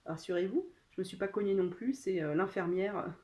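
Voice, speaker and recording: At home with her phone, a vlogger unboxes something while chatting casually in a warm, mid-range voice at normal speed. She sounds hesitant and uses plenty of fillers.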